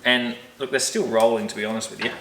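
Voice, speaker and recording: This car restoration vlogger is a fast talker with a medium-pitched voice and fairly even intonation, heard over background noise. He chats casually in his garage as he works on a car, rambling, offhand, and self-correcting.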